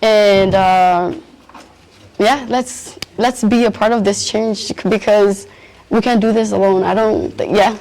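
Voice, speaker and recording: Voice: medium pitch, fairly even intonation, unhurried, a little mellow, rough recording. A young adult, answering interview questions earnestly and searching for words. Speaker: youth interviewee at a community event.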